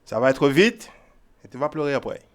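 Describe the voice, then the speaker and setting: A man who calls himself a brother teaches from the Bible in a casual way. He keeps checking in with his listeners, and his voice swings between loud bursts and low mutters. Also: big pitch swings, fairly quick. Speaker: self-styled Bible teacher. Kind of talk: informal Bible reading with commentary.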